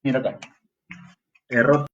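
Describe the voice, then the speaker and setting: A man's voice: mid-range voice, a little slow, highs cut off. A man with a Peruvian accent teaching a grammar lesson for entrance exams, speaking straight to the student and sometimes acting out the student's questions. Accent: Peruvian Spanish. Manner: lively, talks straight to the student, acts out student questions. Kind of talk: exam-prep grammar lesson.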